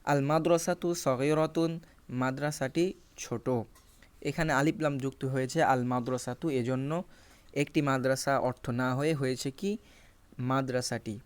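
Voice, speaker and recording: A man's voice: medium pitch, fairly even intonation, unhurried, smooth. A man whose first language is Bengali teaches an Arabic lesson, reading examples from a textbook and explaining each rule step by step.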